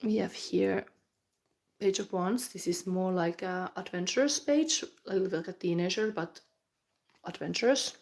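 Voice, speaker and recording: Her voice is fairly low, creaky and somewhat dark, moving at a moderate pace. A woman from Finland with a Finnish accent, she is doing a live tarot reading despite having the flu, rambling through fillers and false starts and whispering at moments of channeling.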